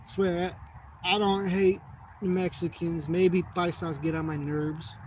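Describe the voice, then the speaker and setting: This vlogger, a young man from the United States, speaks slowly in a fairly high, somewhat dark voice that barely shifts in pitch. He rambles through a casual monologue, swears a lot, and keeps losing the thread. The recording has a noisy background.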